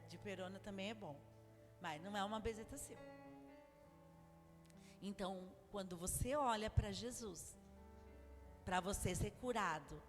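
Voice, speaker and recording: A woman with a Brazilian Portuguese accent preaching a sermon, telling stories in a chatty way with many asides. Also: mid-range voice. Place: church. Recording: long church hall reverb, faint music.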